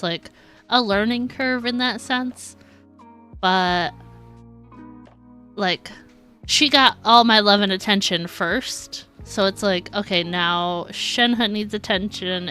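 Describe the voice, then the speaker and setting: Her mid-range voice sounds pushed, bright and smooth as this live streamer plays a video game. She's giggly and relaxed, chatting informally with her viewers.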